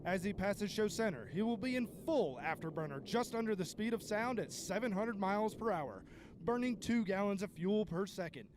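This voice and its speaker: A man with a high-pitched voice commentates an airshow. His delivery is formal and scripted, with a showman's sense of drama. Clear aircraft noise runs behind him. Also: lively intonation, moderate pace. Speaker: airshow announcer. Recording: loud aircraft and outdoor ambience noise.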